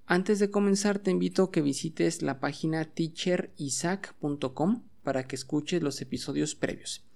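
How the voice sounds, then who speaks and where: A man's voice: a little high, normal speed, vocal fry, darkish tone. A man hosting a bilingual podcast lesson at home, patiently drilling words and having listeners repeat them. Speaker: English teacher and podcast host.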